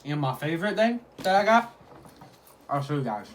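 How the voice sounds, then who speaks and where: A man's voice: on the high side, sing-song, moderate pace. A man talking casually in a food vlog, hyping things up in repetitive slang. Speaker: mukbang vlogger. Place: at home. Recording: clearly noisy home recording.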